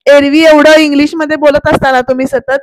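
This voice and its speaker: A woman voicing a sharp-tongued young wife who scolds and taunts her husband. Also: sits high, flat delivery, fairly quick, no echo, clean studio sound, natural voice. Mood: scolding.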